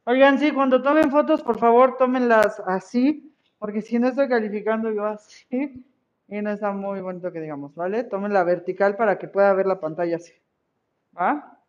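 A woman's voice: medium pitch, moderate pace, lo-fi sound. A woman teaching an online class, encouraging her pupils and checking in with them often.

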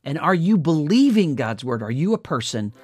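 A man's voice: on the high side, very animated, moderate pace, over music. Earnest man teaching a Bible devotional. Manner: earnest, walks through verses.

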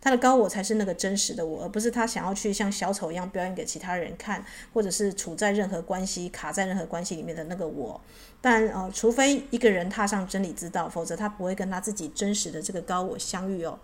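Lady reading a story aloud, stretches out little end-of-sentence particles, mid pitch, spiritual asides. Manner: drawn-out sentence-final particles.

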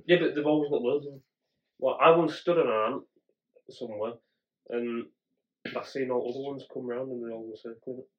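A man co-hosting a casual podcast chat. He tells animated stories, laughs often and acts out the people in them. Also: medium pitch, fairly quick, pauses often. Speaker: podcast co-host. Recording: lo-fi muffled podcast audio.

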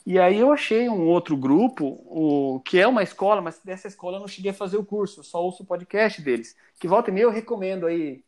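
A man from Brazil talks casually as a guest on a podcast. His voice sits high for a man, and he rambles along, restarting sentences as he goes. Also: animated, fast talker, few pauses, darkish tone. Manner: chatty, rambling with frequent restarts. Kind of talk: casual chat.

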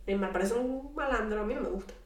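A woman's voice: a little high, quick pace. Chatty woman, echoey room. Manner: gossipy, laughs often, teasing. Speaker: podcast co-host. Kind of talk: casual chat. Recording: echoey room, distant mic.

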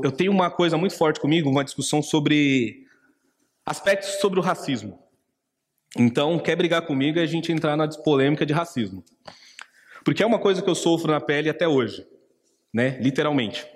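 An earnest man delivers a sermon, his voice sitting a little higher than most men's. He breaks into quoted asides that play out a taunting inner voice. The sound carries the long reverb of a church hall. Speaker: preacher.

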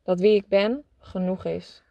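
A woman voicing a curious, gentle young boy in a storybook who asks many questions. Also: medium pitch, fairly even intonation, measured pace, gravelly, no room sound, lo-fi sound.

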